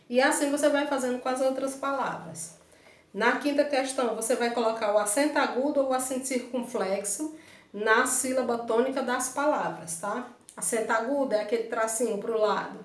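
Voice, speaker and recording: Brazilian woman teacher, echoey room. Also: on the high side. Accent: Brazilian Portuguese. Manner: patient, repeats steps with "tá certo?". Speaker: primary school teacher. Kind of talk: online class instructions. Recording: echoey room, mic far off.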